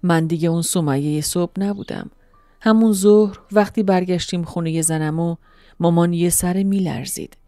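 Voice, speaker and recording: A woman narrating a first-person story in a soft, emotional, intimate way. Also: fairly low pitch, steady tone, dry recording. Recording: dry studio voice-over with soft music.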